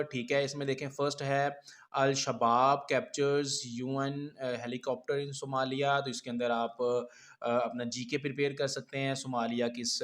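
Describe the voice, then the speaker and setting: A man teaching an exam-prep lesson, explaining steadily and reading English headlines slowly, with frequent "theek hai" checks. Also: medium pitch, fairly bright tone.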